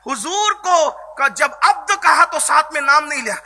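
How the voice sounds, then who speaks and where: A man delivering a sermon with impassioned delivery, often shouting and chanting repeated lines of verse. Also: very high voice, lively intonation, vocal fry. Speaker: Islamic preacher.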